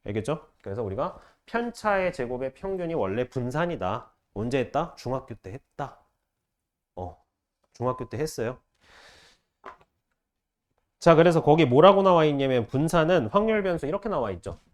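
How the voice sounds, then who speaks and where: A man teaching math to a class, firing short questions at students and repeating key phrases slowly. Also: mid-range voice, big pitch swings. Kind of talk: classroom lecture.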